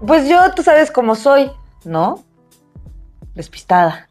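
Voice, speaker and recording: A young woman with a Mexican accent, co-hosting a casual chat and telling stories in an animated way, full of slang fillers. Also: high voice, takes it slowly, soft background music. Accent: Mexican Spanish. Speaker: podcast co-host.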